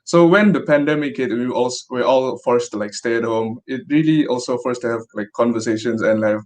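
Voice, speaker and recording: A young man hosts a relaxed, informal chat. His voice is medium in pitch, and he talks casually, like a student among friends. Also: fairly quick. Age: young adult. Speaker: podcast host.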